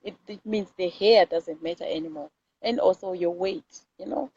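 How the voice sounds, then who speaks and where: Her voice sits on the low side, a little mellow, at a moderate pace, as this Zimbabwean-accented host of live videos delivers a casual pep talk to the camera. She presses her points with emphasis and repetition, over a dull lo-fi recording with noticeable background noise.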